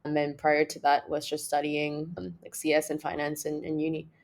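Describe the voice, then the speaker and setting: A young Malaysian woman, co-founder of a startup, chats casually as an interview guest. Her voice is low and her speed normal, and she's relaxed, full of fillers and restarts.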